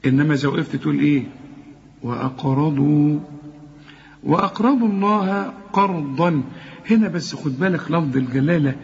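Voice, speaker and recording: Egyptian man teaching Quran recitation. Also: fairly high pitch. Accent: Egyptian Arabic. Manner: lively teacher, chants verses slowly, asks and answers himself. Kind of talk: tajweed lesson. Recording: dull lo-fi recording.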